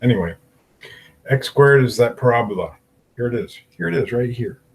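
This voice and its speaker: A man's voice: mid-range voice, normal speed, creaky, slight background noise, low-quality recording. A man teaching an algebra lesson, working through graphs step by step and asking the class questions aloud. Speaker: math teacher.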